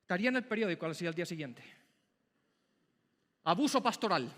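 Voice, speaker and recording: High, lively, dramatic preacher. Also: male voice, brisk. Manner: dramatic, emphatic, fires rhetorical questions at the congregation. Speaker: pastor. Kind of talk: sermon. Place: church sanctuary. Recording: long church hall reverb. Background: church hall reverb.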